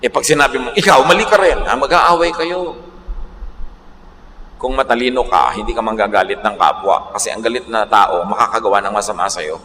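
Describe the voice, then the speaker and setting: A man pastor preaching a sermon, moving between Tagalog and English and slowing down to read scripture. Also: fairly low pitch, pushed and bright. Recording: echoey hall, faint background noise.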